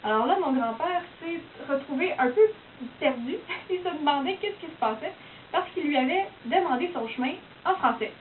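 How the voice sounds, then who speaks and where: A young woman with a high, light voice and a Québécois French accent talks in a casual, chatty way, filling her sentences with "donc" and "euh." She sounds some distance from the mic in an echoey room. The sound is thin and phone-like, with a faint hiss underneath. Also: animated, normal speed. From Quebec. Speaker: university student explaining her dialect. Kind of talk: casual explanatory talk.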